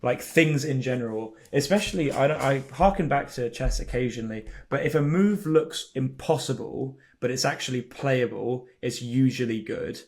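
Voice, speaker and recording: A man's voice: medium pitch, normal speed, hardly any pauses, darkish tone. A man chatting about films as a podcast co-host, enthusiastic and emphatic, with casual swearing. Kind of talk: casual film discussion.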